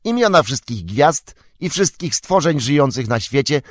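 A man voicing a curious, eager young male hobbit in an audiobook, raising his voice and asking quick questions. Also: mid-range voice, sing-song, no room sound, pitched above the performer's own voice. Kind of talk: audiobook character reading.

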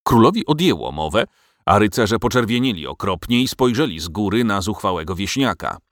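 A man narrating a storybook tale as an audiobook, in an expressive storytelling manner. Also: lowish voice, brisk, dry recording, clean studio sound.

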